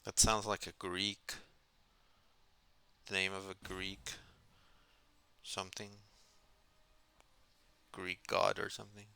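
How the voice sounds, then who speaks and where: A man commentates a card game on a live stream, musing in mock-philosophical asides. His voice is low and fairly level, with a gravelly edge and a bright, crisp ring. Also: little pitch movement, takes it slowly, long pauses. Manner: musing, mock-philosophical, asking himself questions.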